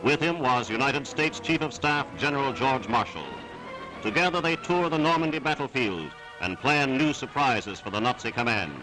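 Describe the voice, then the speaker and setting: A male narrator from an old newsreel, delivering scripted wartime commentary with emphatic, declamatory punch. His voice sits at a middle pitch. Loud orchestral music plays beneath him throughout. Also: animated, moderate pace, low-quality recording. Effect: old newsreel recording.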